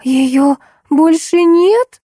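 A woman voicing an emotional young mother who speaks in a high, drawn-out, pleading way. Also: warm tone, no room sound, clean studio sound. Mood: gleeful.

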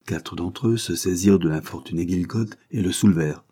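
A man reads an adventure novel aloud in a very low, husky voice. His tone is dark and mellow, and his storytelling stays steady and measured. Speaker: narrator. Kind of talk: audiobook reading of an adventure novel.

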